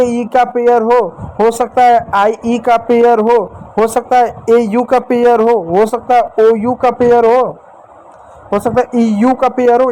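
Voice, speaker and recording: A man's voice: high-pitched, darkish tone, rough recording. A male teacher who keeps quizzing his class. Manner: repeats points and quizzes the class; addresses listeners as dear children and friends. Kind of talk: blackboard lesson for students.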